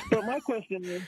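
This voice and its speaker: A man calling in to a radio show, sounding muffled as if inside a fishbowl, chatting casually and laughing often. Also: high voice. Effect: muffled phone line, like talking inside a fishbowl. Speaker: caller to a sports radio show. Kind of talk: casual chat. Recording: tinny muffled phone line.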